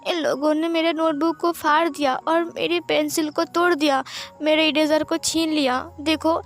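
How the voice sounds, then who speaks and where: A woman voicing a shy, bullied schoolboy who speaks in a soft, hesitant, pleading way. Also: high-pitched, steady tone, moderate pace, faint music behind, close to an everyday voice. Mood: hurt pleading.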